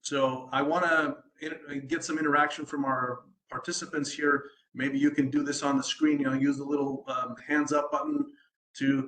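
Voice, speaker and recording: Guy giving an online talk, bright clear tone, lots of ums and "right?", bit of room echo. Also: fairly high pitch. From United States. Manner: hesitant, many ums and restarts, ends points with "right?". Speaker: sustainability design consultant. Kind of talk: presentation at an online community event.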